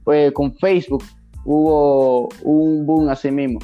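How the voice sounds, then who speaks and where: A man's voice: fairly high pitch, level tone, takes it slowly, lo-fi sound, faint music behind. A young man with a Dominican accent in casual chat, explaining things with slangy, acted-out examples.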